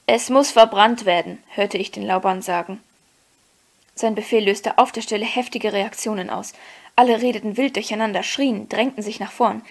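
A woman's voice: mid-range voice, fairly even intonation, normal speed, creaky, slightly rough. Woman reading a novel aloud. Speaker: audiobook reader. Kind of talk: scripted audiobook narration.

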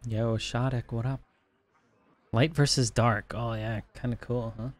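A man's voice: mid-range voice, flat delivery, unhurried. A man streaming a card game, chatting casually and thinking through his moves aloud with plenty of fillers. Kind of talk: casual gameplay commentary.

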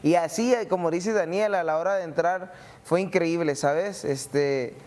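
A young Mexican man talking as a fighter, animated and brash, laughing often and calling people brother. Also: fairly high pitch, a little slow. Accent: Mexican Spanish. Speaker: interview guest, UFC fighter. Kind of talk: casual interview answers.

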